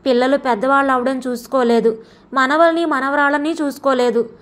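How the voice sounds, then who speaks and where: A woman voicing a frail, bedridden old grandmother who speaks gently and with resignation, in an audio story. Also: high voice, fairly even intonation, brisk. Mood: resigned.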